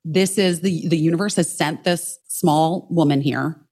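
A woman co-hosting a podcast, telling a story in casual chat, animated and swearing freely while acting out what others said. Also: sits low, measured pace. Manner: animated, swears a lot, acts out quotes. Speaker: podcast co-host.

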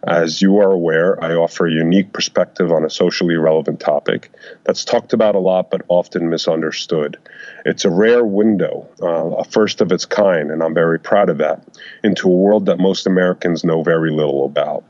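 A man's voice, electronically disguised to sound deep, answers interview questions in measured, hesitant phrases. The recording is dull and lo-fi, with a dry, close sound. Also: darkish tone, dry recording. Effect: voice disguiser lowering the voice. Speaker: guest, undercover FBI agent and author.

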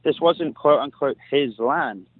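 Over a tinny phone line, a British man in his thirties from England appears as a guest in a casual interview. His mid-range, husky voice is a little slow as he tells stories in an easygoing way, laughing now and then.

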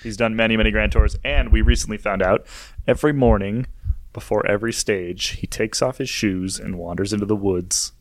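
Low-voiced man hosting a podcast. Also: brisk. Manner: conversational, musing, joking. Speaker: podcast co-host. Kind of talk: casual chat.

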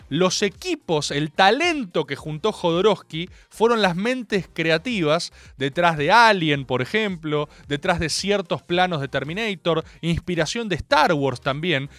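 A young man with an Argentine accent hosting a radio show, rambling through stories in an animated, jokey way. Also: sits high, dry recording. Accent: Argentine Spanish. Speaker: radio host. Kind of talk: casual radio monologue.

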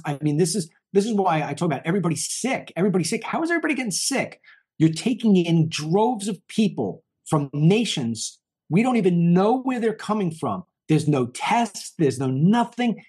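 A man's voice: on the high side, a little mellow, slightly rough. A man in his fifties hosting a political news show, talking in a heated, emphatic way and often repeating himself. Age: 50s. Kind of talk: political commentary.

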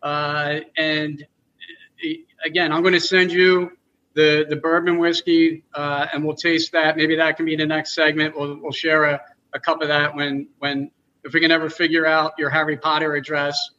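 A man with a Philadelphia accent, a coffee roaster guest chatting casually and haltingly. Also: a little high, flat delivery, bright, forceful tone, dull audio. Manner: hesitant, full of fillers. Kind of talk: casual chat.

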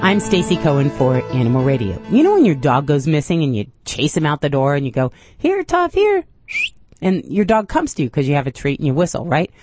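A woman's voice: extremely low pitch, lively intonation, quick pace, hardly any pauses, darkish tone, faint music behind. A woman radio reporter reading news in a chatty way, with casual asides.

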